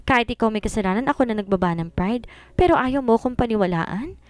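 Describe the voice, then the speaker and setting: A woman's voice: fairly high pitch, expressive, quick pace, dry recording, lightly acted. A woman doing a sulky young heiress.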